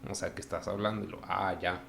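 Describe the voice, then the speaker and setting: A man with a northern Mexican accent talks casually as a podcast guest, often laughing as he acts out phrases. His voice sits low but has a bright, forward edge. A faint hum of room ambience sits behind him. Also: steady tone, quick pace, vocal fry. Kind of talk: casual chat.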